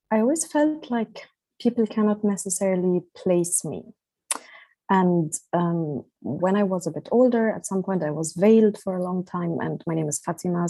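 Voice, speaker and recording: Woman, young adult, from Egypt and Germany, lecturer, interview guest, thoughtful, hesitant, warm dark tone, dry sound. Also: fairly low pitch, no echo, rough recording. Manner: thoughtful, hesitant, with many fillers. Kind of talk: conversational interview.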